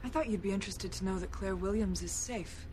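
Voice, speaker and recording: An actress playing a calm, determined female FBI agent making an arrest in a TV drama. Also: medium pitch, a little fast, noisy background, lightly acted. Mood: cool. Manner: cool, controlled, firm. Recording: TV clip with clear music under it.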